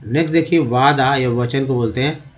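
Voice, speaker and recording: A man's voice: mid-range voice, steady tone, highs cut off. A man teaches English vocabulary in a voice-over lesson, with a mid-range voice. He names each word plainly and repeats it, drawing out the syllables so learners can copy them. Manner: repeats each word slowly, stretching sounds to show pronunciation.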